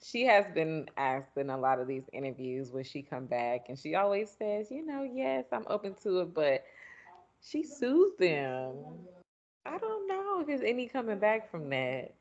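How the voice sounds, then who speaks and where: Low-voiced woman co-host, lively tone. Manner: agreeable, quick to react and laugh. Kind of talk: casual chat. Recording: dull lo-fi audio.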